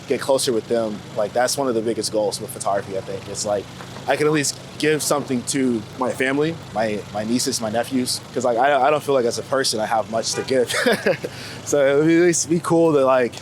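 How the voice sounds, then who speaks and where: A young man from Florida, a street photographer, chats candidly in an interview out on the streets of New York, his mid-range voice brisk and his speech slangy and informal. The casual, reflective talk is recorded amid outdoor street noise, with passing vehicles and city traffic humming in the background.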